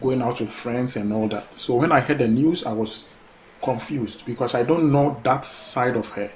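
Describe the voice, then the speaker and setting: A man's voice: medium pitch, normal speed. Male caller from Ghana, hesitant and earnest, noisy line. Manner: hesitant, many fillers, earnest. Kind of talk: call-in talk.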